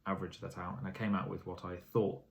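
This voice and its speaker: A man's voice: low voice, flat delivery, quick pace, vocal fry. A tired man giving a casual vlog update on his property investing, rambling with plenty of fillers and self-corrections. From England.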